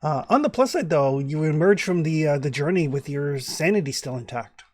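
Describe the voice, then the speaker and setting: Over a home microphone, a man with a fairly high, lively voice runs a tabletop horror campaign as game master at normal speed. He talks through rules and story loosely and chattily, full of fillers and restarts.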